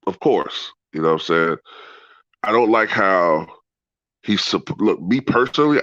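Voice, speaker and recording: A man's voice: low-pitched, a bit bright, muffled recording. A man chatting casually and profanely as a sports livestream host, his nose stuffed up by a cold so he sounds congested and nasal. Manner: profane, colloquial, peppered with "man" and "you know". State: congested with a head cold, clearing throat. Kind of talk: casual rambling chat to live viewers.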